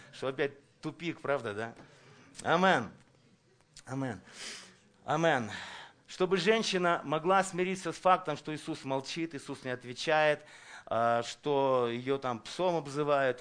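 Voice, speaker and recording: A man's voice: fairly high pitch, a bit bright. A man preaching a sermon. He talks conversationally, asks the congregation questions, and builds intensity by repeating phrases. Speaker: pastor.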